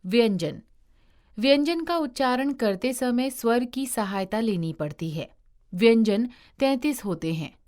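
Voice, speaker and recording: A woman reciting a grammar lesson in a slow, deliberate way, letter by letter with examples. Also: on the high side, expressive, darkish tone. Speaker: teacher.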